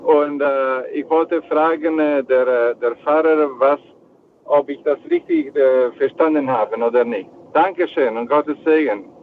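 A man from Italy with an Italian accent calls in and asks the priest his question in halting German. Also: a little high, expressive. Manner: halting, simple phrasing. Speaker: caller. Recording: tinny phone line with faint noise.

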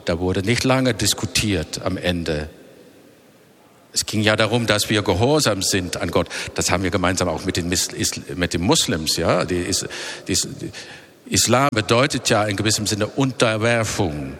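A man in his fifties from the Netherlands answers interview questions in Dutch-accented German, with a very low, slightly bright voice and lively intonation. He speaks slowly and reflectively, often searching for words and restarting phrases, while a long reverb trails behind each one.

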